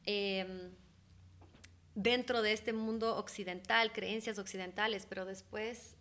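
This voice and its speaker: A woman's voice: medium pitch, takes it slowly. A young adult woman from Ecuador, talking casually and animatedly as an interview guest. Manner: animated, laughs often, acts out quoted voices. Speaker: guest, holistic therapist.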